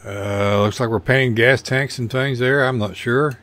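A man's voice: mid-range voice, fairly even intonation, normal speed, a bit bright. An older man casually narrating his model car build over photos, rambling and folksy with a self-deprecating humor.

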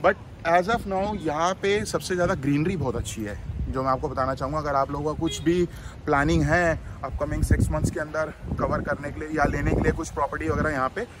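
A man from Delhi giving a chatty walking vlog tour outdoors, mixing English words into his talk and often adding "theek hai". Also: fairly high pitch. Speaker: vlogger touring an area. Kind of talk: casual walking vlog commentary. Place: outdoors by a road. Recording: outdoor wind and traffic noise. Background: loud wind and passing vehicles.

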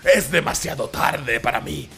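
A man's voice: a little high, unhurried, vocal fry, sharp tone, slightly rough, soft background music, voice pushed down, heavily acted. A man voicing an evil, embittered Allosaurus as an ominous, gloating unhinged villain in a dramatic toy-dinosaur story. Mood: bitter. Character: menacing evil Allosaurus, embittered, cruel predator.

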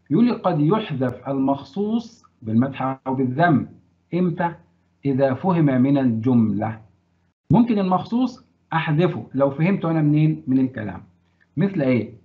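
Egyptian guy teaching grammar to a class, asks questions n praises answers, sounds like an old phone line. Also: mid-range voice. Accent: Egyptian Arabic. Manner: animated, quizzing students and praising answers.

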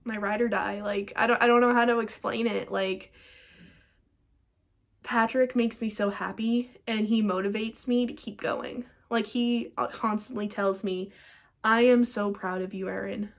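A woman's voice: on the high side, steady tone, unhurried. A young woman talking to camera in a personal vlog, emotional and rambling with lots of fillers, a little teary. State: teary-eyed. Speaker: vlogger.

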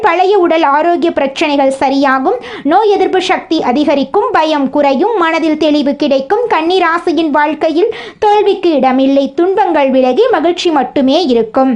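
High-voiced woman giving astrology forecasts. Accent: Tamil. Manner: steady declarative predictions. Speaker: astrology presenter.

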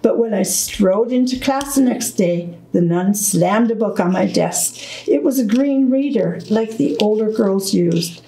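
A woman reading a children's book aloud at storytime, slow, deliberate and gentle. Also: medium pitch, echoey room, a little hiss or hum, poor audio. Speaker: storytime reader.

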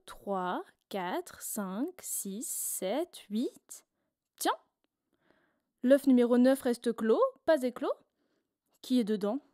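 Expressive woman reading a children's tale. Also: a little high, no room sound, studio quality. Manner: expressive, playful narration. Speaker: storyteller. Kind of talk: storybook read-aloud for children.

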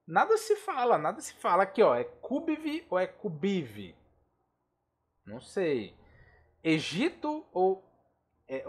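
Speaking Portuguese with a Brazilian accent, an air traffic control instructor with a high voice explains aviation charts over a relaxed screen share. His manner is loose and talkative, full of slang, and he keeps asking whether the listener is following.

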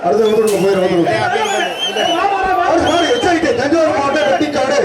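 A man with a Tamil Nadu accent announcing through a loudspeaker, repeating exclamations and barking commands at handlers and the crowd. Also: very high voice, lively intonation, quick pace. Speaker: announcer at a bull-taming event. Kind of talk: live shouted commentary. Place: outdoor arena. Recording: echoey open-air arena, heard from far off, loud crowd and noise.

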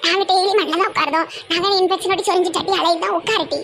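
A woman's voice: very high voice, fairly even intonation, rapid-fire, fairly bright tone, a little hiss or hum. A woman with a Tirunelveli Tamil accent, chatting and teasing in a village comedy sketch.

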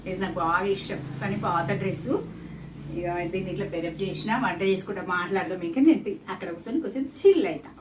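Talking fast in a mid-range voice, this woman is a home cooking vlogger with a Telangana Telugu accent, chatting casually and rambling repetitively as she cooks. She is recorded indoors in a roomy home kitchen from a distant mic, with the sizzle coming through clearly. Behind her, oil sizzles and pots and pans clatter.

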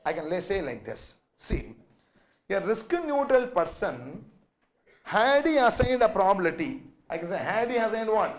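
A male lecturer speaks in a high-pitched voice with a Tamil South Indian accent. He drives each point home emphatically, turning it into a question and then supplying the answer. The room adds a clear echo around his words. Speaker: finance lecturer. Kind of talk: classroom lecture with repeated check questions. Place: indoor lecture room, echoing. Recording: roomy classroom echo.

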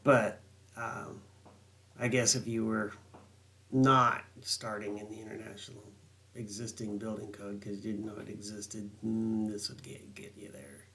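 Fairly low-pitched, flat, a little slow, and pushed with some brightness, this middle-aged man walks through building code sections on a screen share. As a building design consultant, he reads the code in a rambling way, stumbling with ums and restarts.

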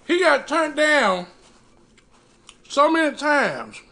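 Male eating-show host, bright forceful voice with gravelly edge, preaching motivation between chews. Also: very high-pitched, big pitch swings. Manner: chewing and eating while talking; emphatic, preacher-like delivery with dramatic pauses. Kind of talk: motivational talk to camera. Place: small indoor room.

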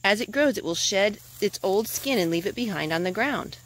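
In a noisy outdoor clip shot on her own handheld camera, a woman in a forest reads a picture book and chats with her young child. Her mid-range voice is animated and moves at normal speed, with a sing-song, child-directed delivery.

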